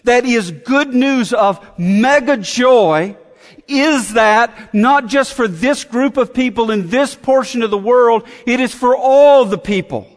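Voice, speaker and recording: A man preaching a sermon, slow and emphatic, repeating phrases for weight. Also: extremely high pitch, in a large hall.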